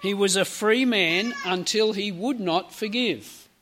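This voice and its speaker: A man with a high, light voice delivers a sermon. He retells a parable like a storyteller, dropping casual asides to his listeners along the way. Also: a little slow, a bit bright, slight background noise. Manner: storytelling preacher, conversational asides. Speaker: preacher.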